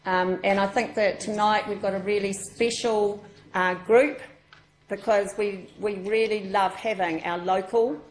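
Recorded on a far room microphone in an echoey meeting room, a New Zealand woman who organises an education session greets a group informally and chattily, often saying um and restarting. She speaks at a measured pace in a mid-range voice with fairly even intonation.

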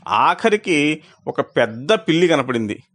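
A man narrates a children's moral tale with an expressive storyteller's delivery. He slows down for effect at key moments, and his voice sits a little high for a man.

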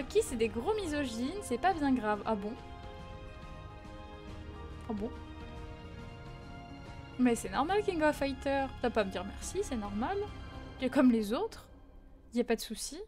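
A chatty young woman with a high, light voice talks casually to her stream audience, answering viewer messages in an animated way, with frequent fillers. Faint music plays behind her.

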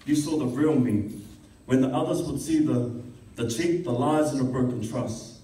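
A man's voice: mid-range voice, moderate pace, dark tone. A young man performing spoken word poetry at an open mic, rhythmic and impassioned, filmed by a distant camera in a classroom. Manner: rhythmic, impassioned delivery with rising intensity. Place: classroom with a small audience. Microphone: stand mic, filmed by a far camera. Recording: echoey room, distant camera.

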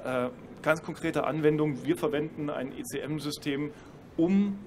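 A man's voice: on the high side, a little slow, darkish tone, slight background noise. A man speaking as a professor on a panel, explaining at length with dry ironic asides on a trade fair stage. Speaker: university professor. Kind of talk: panel discussion. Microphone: handheld mic.

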